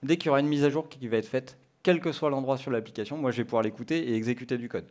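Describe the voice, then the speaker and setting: A man's voice: medium pitch, rapid-fire, darkish tone. A man from France giving a conference talk and walking the audience through a live coding demo, thinking aloud step by step. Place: conference stage.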